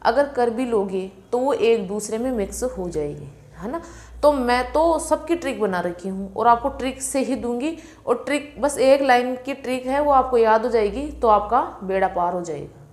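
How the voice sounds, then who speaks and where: A woman's voice: on the high side, expressive, darkish tone. Confident woman teaching exam tricks. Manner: confident, repeats key terms slowly for memorising. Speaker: Sanskrit teacher. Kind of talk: exam-prep lecture.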